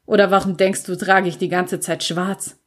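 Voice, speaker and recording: A woman's voice: fairly low pitch, level tone, moderate pace, lightly acted. A woman reading an audiobook, voicing a cool, sardonic teenage boy who is grieving his brother, with a dry, offhand delivery.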